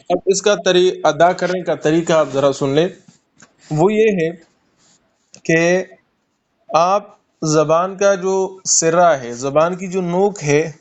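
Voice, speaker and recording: A man teaching Quran recitation in an online class, patiently repeating and sounding out letters slowly for a student, with a Pakistani Urdu accent. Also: on the high side, dull audio. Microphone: online call.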